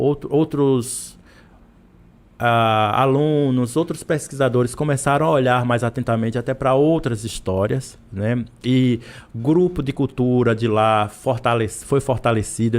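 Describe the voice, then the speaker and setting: A man's voice: mid-range voice, a little slow, darkish tone. A man from Brazil, a literature professor, talking as a guest in a podcast interview, full of restarts and repeated words.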